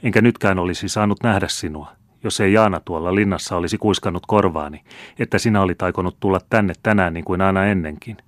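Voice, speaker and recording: A man's voice: deep voice, no echo, studio quality, natural voice. A man reading an old storybook tale, voicing an ardent seventeen-year-old count who speaks earnestly and pleadingly.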